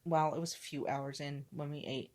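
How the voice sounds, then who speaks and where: A woman's voice: sits low, steady tone, moderate pace, darkish tone. A woman podcast co-host chatting casually in a candid, joking way, with some swearing. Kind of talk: casual chat.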